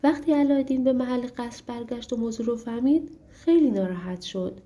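Woman reading a fairy tale audiobook, warm mellow voice, steady storytelling. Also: on the high side, highs cut off. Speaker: audiobook narrator. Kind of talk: storybook narration.

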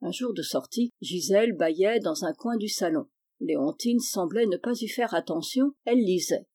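Mellow-voiced woman narrating a classic tale. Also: mid-range voice, normal speed. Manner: steady, even storytelling. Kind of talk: audiobook narration of a classic novel.

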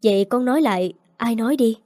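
A woman reading the part of a caring young stepmother, gentle with a child and firm with adults. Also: on the high side, fast talker, no room sound, clean studio sound, lightly acted.

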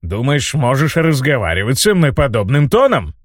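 A man's voice: medium pitch, big pitch swings, moderate pace, dry recording, clean studio sound. A man reading an audiobook voices a scheming old mage who mocks and threatens in a hissing, self-satisfied way. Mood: angry. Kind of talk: audiobook character voice.

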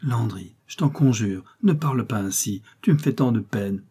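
A devout peasant wife begs her husband gently, her voice soft and imploring. A man reads her in a storybook reading, keeping a husky, mellow tone. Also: medium pitch, expressive, normal speed. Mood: pleading. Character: pious, gentle peasant wife, anxious and pleading.

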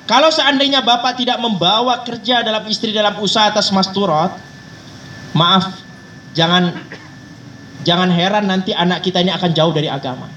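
A man's voice: sits high, normal speed, long pauses, pushed and bright, muffled recording. A male preacher giving a folksy, joking sermon in a mosque, teasing listeners directly. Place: mosque hall. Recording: distant mic with faint traffic noise.

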